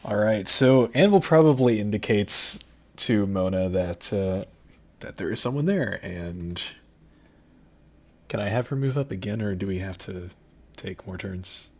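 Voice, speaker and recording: Male player, low voice, slow and tentative, thinks out loud. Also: lively intonation. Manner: tentative, thinks aloud with fillers. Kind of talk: casual tabletop game play.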